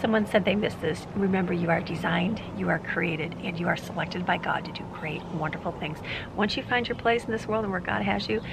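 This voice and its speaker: Speaking a little fast in a fairly low, gravelly voice against a noisy background, a family vlogger in her forties walks through her grocery haul on a handheld camera. She laughs a lot and rambles casually, first at a kitchen counter indoors and later out on a porch.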